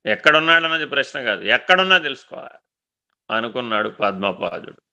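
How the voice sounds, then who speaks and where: A man giving a devotional discourse as a spiritual teacher, telling stories animatedly, repeating phrases for emphasis and drawing out key words slowly. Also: medium pitch, very animated, vocal fry, bright, forceful tone, lo-fi sound.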